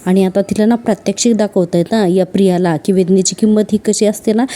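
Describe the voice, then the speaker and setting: A woman's voice: mid-range voice, steady tone, brisk, mellow. A woman casually retelling a TV serial episode, talking straight to the viewer. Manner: chatty, addresses the viewer directly. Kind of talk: casual episode recap narration.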